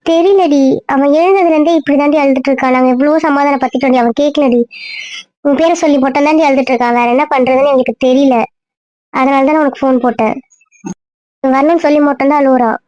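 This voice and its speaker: A woman's voice: sits high, fairly even intonation, quick pace, darkish tone, dry recording. A woman playing a worried friend on a phone call, chatty and complaining. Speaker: friend who calls on the phone.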